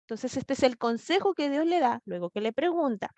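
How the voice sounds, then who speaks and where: Lively high-voiced Chilean woman teaching. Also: brisk, no room sound. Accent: Chilean Spanish. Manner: lively and chatty, laughs often, acts out dialogues. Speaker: Bible class teacher. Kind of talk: online Bible lesson for youth. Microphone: video call.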